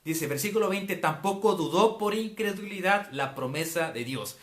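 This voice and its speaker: A man's voice: high-pitched, expressive, normal speed. A man giving a casual, conversational Bible teaching as a preacher, often checking in with his listeners. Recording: roomy echo.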